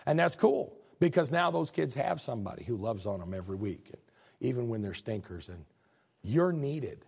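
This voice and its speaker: Gravelly folksy preacher man. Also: mid-range voice, moderate pace. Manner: folksy, animated preaching with repeated phrases and asides to the congregation. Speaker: pastor. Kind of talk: sermon.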